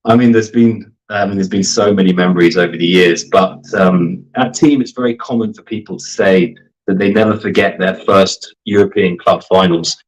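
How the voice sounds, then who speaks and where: A man in his thirties giving a guest interview, laying out his points in a clear, organized order. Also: low-pitched, steady tone, moderate pace, low-quality recording. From grew up in Germany, the UK and Canada. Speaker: sports marketing team leader, guest. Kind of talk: conversational interview answers.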